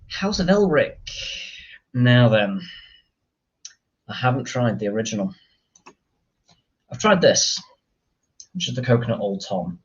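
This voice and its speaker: Hesitant, sweary man with a husky voice. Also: mid-range voice, muffled recording. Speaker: gin reviewer, channel host. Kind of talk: casual live-stream chat.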